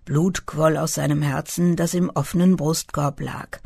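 An audiobook narrator reading a literary novel in a calm, measured storytelling manner. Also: mid-range voice, creaky, breathy edge, no room sound, studio quality.

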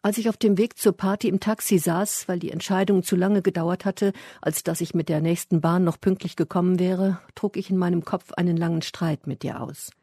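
A man narrates a first-person story in a measured, reflective reading. His voice is warm and relaxed, with a soft, breathy huskiness, and the recording is close and dry. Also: sits high, no room sound. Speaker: audiobook narrator.

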